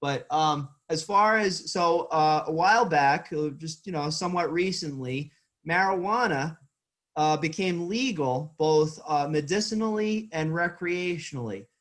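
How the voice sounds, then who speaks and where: Man, interview host, casual, hesitant, lots of fillers, slightly high voice. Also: expressive, measured pace, a bit bright. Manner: hesitant, many fillers, loose questions.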